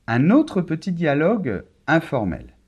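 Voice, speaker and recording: A man teaching a pronunciation lesson for learners, slow and deliberate, repeating words for them. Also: a little high, wildly swooping pitch, a little mellow, slightly rough, muffled recording. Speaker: French teacher.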